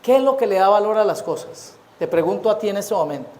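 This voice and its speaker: With a high, darkish voice that is animated and fast, a Colombian man preaches as pastor inside an echoing church. He keeps asking his congregation rhetorical questions, pausing for them to respond.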